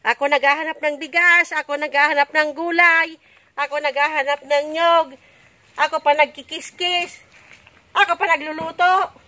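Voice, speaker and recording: A woman's voice: sits high, steady tone, moderate pace, pushed and bright. A woman playing an overworked, exasperated village mother in a drama, kvetching and nagging in long repetitive complaints. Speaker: actor in an amateur short film. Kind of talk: naturalistic family drama acting.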